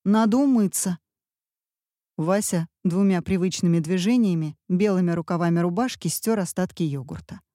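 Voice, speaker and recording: Woman storyteller, wry tone, dark mellow voice, dry close mic. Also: lowish voice, brisk, few pauses, no room sound. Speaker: audiobook narrator. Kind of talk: storytelling audiobook narration.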